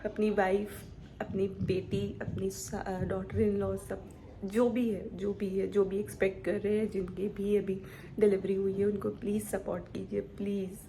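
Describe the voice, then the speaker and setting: A young woman vlogger talking quietly to her camera in a subdued, reflective way. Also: medium pitch, little pitch movement, unhurried, slight background noise. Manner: subdued, soft-spoken and reflective. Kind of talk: personal vlog talk to camera.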